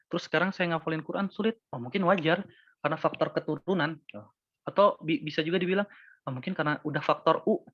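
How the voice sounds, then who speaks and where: A man with a fairly high voice gives a casual, earnest webinar talk and teaches. The sound is close and dry, with a dull, muffled tone. Now and then he acts out the worries of older learners. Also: fast talker, no room sound. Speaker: Quran memorization teacher.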